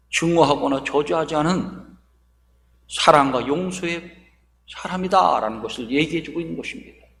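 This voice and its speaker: A pastor with a high, lively voice delivers an emphatic sermon full of rhetorical questions in a church sanctuary. The long reverb of the church hall surrounds his voice.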